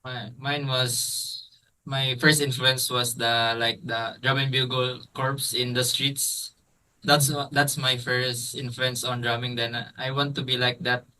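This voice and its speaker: Young filipino drummer dude, soft halting talk, sharp bright voice, sounds far off the mic. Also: male voice, mid-range voice, little pitch movement. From Philippines. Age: 20s. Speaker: drummer and guest. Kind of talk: casual interview. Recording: distant from the mic.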